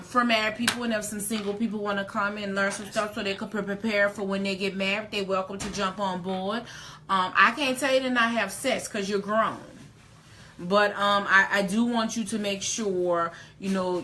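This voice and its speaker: A woman's voice: mid-range voice, steady tone, moderate pace, sharp tone, a little hiss or hum. A woman in her late forties hosting a casual live chat, emphatic and folksy, repeating words for stress. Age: 40s. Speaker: host.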